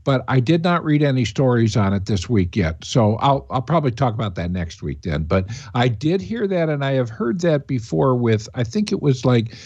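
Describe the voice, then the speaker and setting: A man's voice: mid-range voice, sing-song, normal speed, hardly any pauses, a little mellow, breathy edge, no room sound, lo-fi sound. A man hosting a talk radio show, rambling opinions and chatting with callers, full of fillers and restarts. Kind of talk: talk radio commentary and call-in chat.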